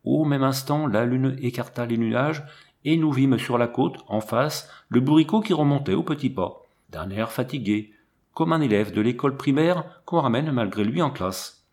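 A man reading a story aloud as narration, with lively, comic emphasis. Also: mid-range voice, normal speed. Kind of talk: scripted narration.

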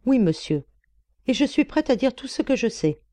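A woman reading a sturdy, loyal housekeeper confiding earnestly, her tone mellow and warm. The recording is dry and close. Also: fairly high pitch, very animated, normal speed, no echo, voice pushed up. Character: stout older woman servant, frank and loyal.

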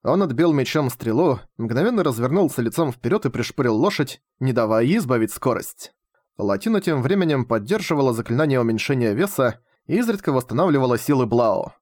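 A man narrating an audiobook with expressive storytelling. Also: mid-range voice, brisk, dry recording. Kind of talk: scripted narration.

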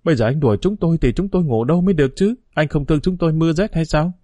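A man's voice: fairly high pitch, rapid-fire, mellow, no room sound, lightly acted. A man voicing frightened, whining street kids. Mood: begging. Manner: whining, begging. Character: frightened gang of young street boys.

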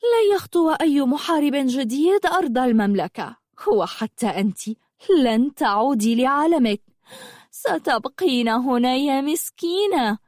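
A woman voicing a vain, mocking witch in a storybook reading, with a scornful, teasing manner and a higher voice than her narration. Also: animated, moderate pace, darkish tone, no room sound, studio quality. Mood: haughty. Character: mocking, vain female witch, cruel and playful.

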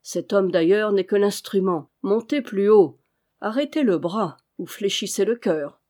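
A woman voicing a cynical male valet and hired killer, smooth, insolent and coolly ironic, in an audiobook reading. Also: medium pitch, a little slow, warm tone, lightly acted. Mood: menacing.

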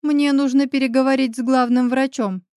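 A woman's voice: sits high, fairly even intonation, normal speed, a little mellow, no echo, studio quality, pitched above the performer's own voice, natural voice. A woman voicing a nervous, officious female doctor in an audiobook. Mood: flustered. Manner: nervous, pleading. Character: flustered female doctor, middle-aged, officious.

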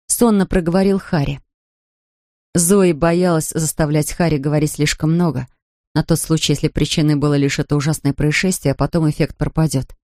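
A woman reading an audiobook in a calm, measured narrating style. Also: low-pitched, no room sound, clean studio sound.

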